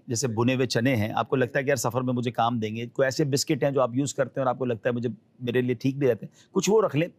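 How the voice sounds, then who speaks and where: A man's voice: mid-range voice, dry recording. A man being interviewed, giving earnest, cautionary advice and acting out the people he quotes. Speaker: guest advising pilgrims. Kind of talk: advisory interview talk.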